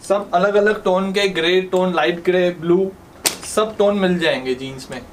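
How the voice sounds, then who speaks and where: A man, a shop owner showing his stock in a matter-of-fact casual sales pitch. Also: normal speed, noisy background. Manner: matter-of-fact, listing items in short phrases.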